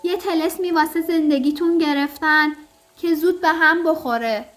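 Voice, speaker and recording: A woman's voice: high voice, natural voice. A woman reading the part of a superstitious, bossy older mother-in-law in an audio story, scolding and lecturing.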